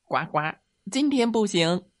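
A man voicing a friendly little frog in a children's story, croaking and mumbling his words. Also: high voice, sing-song, a little slow, pitched above the performer's own voice.

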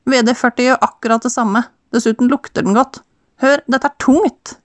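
A woman's voice: on the high side, steady tone, no room sound, voice pushed up, lightly acted. A woman voicing a stubborn young male mechanic who is keen on cars, talking defensively in a storybook reading.

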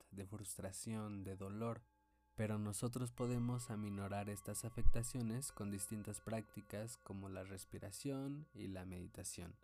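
A man narrating a scripted guided meditation in a calm, gently instructive way, with singing bowls behind him. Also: fairly low pitch. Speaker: meditation guide and podcast host. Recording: singing bowl music behind the voice. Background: loud resonant singing bowls.

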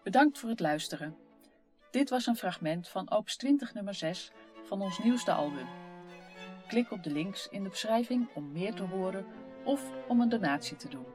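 A woman's voice: medium pitch, lively intonation, normal speed. A woman reads scripted closing credits as a podcast announcer. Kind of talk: scripted narration. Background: violin music.

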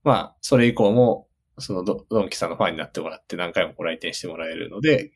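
A man's voice: low voice, fast, slightly rough. A man hosting a conversational business interview, thinking aloud as he rephrases his questions. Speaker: interviewer, host.

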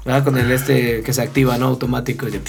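A man's voice: medium pitch, level tone, fast, creaky. Mexican guy co-hosting a podcast, loose and slangy, faint music behind. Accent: Mexican Spanish. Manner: slangy, rambling with many fillers. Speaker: podcast co-host. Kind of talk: casual chat.

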